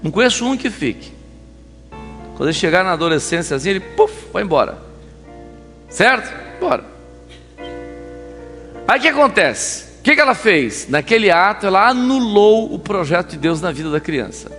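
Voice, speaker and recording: A male pastor preaches in a lively, high-pitched voice that rises and falls a great deal, moving easily into storytelling. The sound has a long church-hall reverb, with a faint instrument playing behind him. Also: normal speed, pauses often, faint music behind. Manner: animated, conversational, acts out scenes. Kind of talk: sermon with storytelling.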